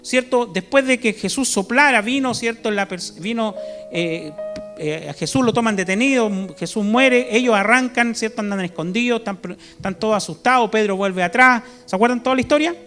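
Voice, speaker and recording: A man with a Chilean accent preaching a sermon to his congregation, animated, constantly checking in with "¿cierto?" and bursting into loud shouts. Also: high voice, moderate pace, soft background music. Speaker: pastor. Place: church service.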